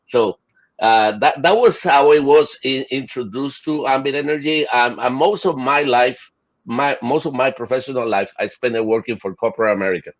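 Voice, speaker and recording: Heard on dull lo-fi audio, an enthusiastic middle-aged guest from Chile and Puerto Rico chats in a casual interview at a normal speed. His voice sits at a medium pitch, and his speech is full of fillers and restarts.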